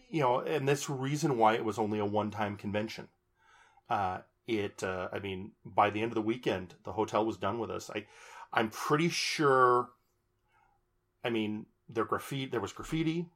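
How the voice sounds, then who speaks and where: Bright-voiced man telling a rambling story. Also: mid-range voice, expressive, normal speed. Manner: rambling with many restarts, amused. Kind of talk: casual chat, storytelling.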